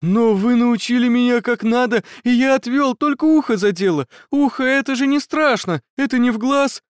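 A hysterical wounded schoolboy. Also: male voice, moderate pace, clear, resonant tone, no room sound. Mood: babbling. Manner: shrill, babbling, close to sobbing. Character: panicked wounded teenage schoolboy, breathless and hysterical.

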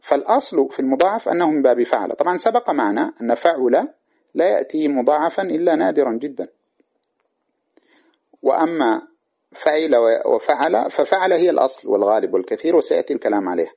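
A man teaching a lecture on classical grammar. He explains patiently, often checks in with his listeners, and recites verse lines in a measured way. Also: fairly high pitch, very animated, vocal fry, warm tone. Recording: dull lo-fi recording.

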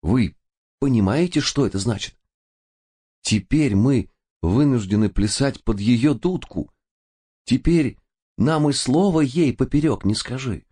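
A man's voice: medium pitch, expressive, measured pace, husky, voice pushed up. A man doing an exasperated, hot-tempered young reporter. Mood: urgent. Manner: shouting, exasperated, emphatic.

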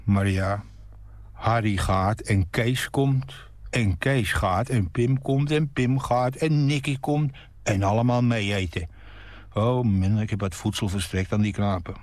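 A wry, resigned father, as a man reads him out, talking grimly in a rather low voice. The recording is close and dry. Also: a little slow, a little mellow, dry recording, close to an everyday voice. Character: grim wry father of a grown daughter. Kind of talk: read-aloud short story.

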